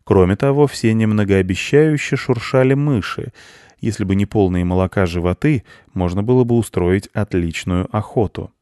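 A man with a lowish voice narrates a children's storybook in a calm, even telling. The recording is dry and close, with no room sound. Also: normal speed, dry recording. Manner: calm storytelling, plain farmer voice for dialogue.

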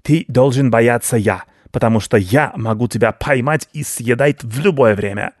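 Here the man reads as a haughty rat baron, pompous and vicious, blustering through broken grammar in a storybook. He uses a natural voice of medium pitch, lifted above his usual register, at a moderate pace. Studio quality, dry recording.

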